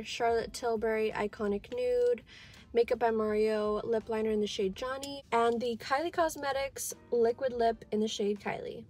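A woman in her twenties chatting bubbly and casually to viewers on a vlog, filmed on a phone at arm's length in a parked car. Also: on the high side. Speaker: beauty vlogger. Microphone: phone camera at arm's length.

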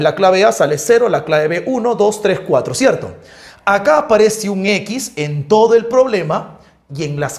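A man teaching math in a lively, joking, coaxing way. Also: high voice. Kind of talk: animated math lesson.

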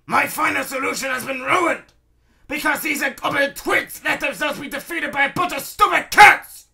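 A petulant tyrant baron from a storybook, acted out by a male narrator. He rants and sneers in a raised, forceful voice with wildly swooping pitch. He blusters like a raging villain. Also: lively intonation, takes it slowly, gravelly, recorded from a distance, exaggerated voice. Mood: furious, screaming. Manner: ranting, blustering.

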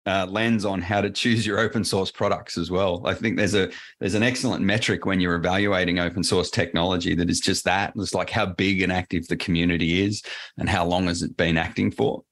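Speaking low and brisk, this Australian man keeps a steady, slightly bright tone. He's a presales solution architect guesting on an interview, rambling through casual tech explanations with lots of fillers and false starts.

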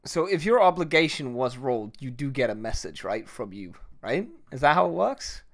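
Excitable man with a lively voice. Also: mid-range voice, normal speed. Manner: excitable, jumps into bursts of shouting. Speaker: streamer and player. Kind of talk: casual tabletop game chat.

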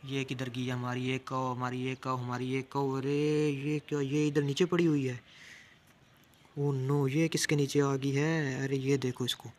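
A man narrating his toy play in an excited, exclamatory way, talking to the toys as if to a child. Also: medium pitch, unhurried, slight background noise.

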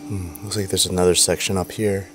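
A man's voice: low-pitched, little pitch movement, a little fast, music in the background. A young man vlogging casually while exploring an abandoned island resort, easygoing and chatty, a little sick with a fever. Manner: easygoing, exploring and commenting as he walks. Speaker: travel vlogger. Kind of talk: casual vlog narration. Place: abandoned island resort, outdoors and in empty rooms.

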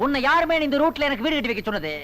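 A man's voice: very high voice, big pitch swings, rapid-fire, a crowd in the background. An actor playing a snobbish, foreign-returned rich man who mocks and scolds his neighbours. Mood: scolding. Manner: mocking, scolding. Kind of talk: Tamil film comedy acting.

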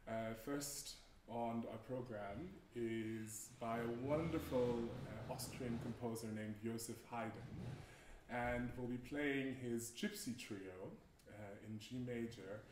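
Young man from Canada, concert musician introducing the program; friendly, halting delivery, roomy church sound, faint hiss. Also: medium pitch. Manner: friendly, hesitant, many uh fillers. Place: church hall.

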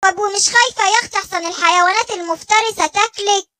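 A woman's voice: very high-pitched, very fast, bright, forceful tone. A woman with an Egyptian Arabic accent voicing a nosy, folksy female cow in a children's cartoon story.

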